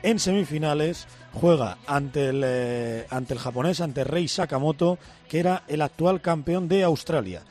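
A man's voice: a little high, unhurried, a little mellow, faint music behind. A man giving an enthusiastic radio sports report, with emphatic asides.

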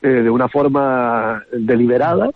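A man's voice: medium pitch, a little slow. A man with a Canarian Spanish accent, speaking as a taxi association spokesman in a phone-in radio interview, emphatic and often restarting his sentences. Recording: tinny phone line.

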